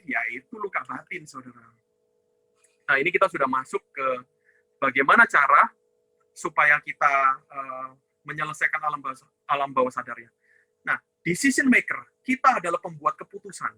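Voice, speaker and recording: A man's voice: high voice, sharp tone, dry recording, poor audio. A man giving a ministry teaching talk with slides, asking and answering his own questions, tagging lines with a questioning "ya" and addressing listeners as brothers and sisters. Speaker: ministry teacher on inner healing.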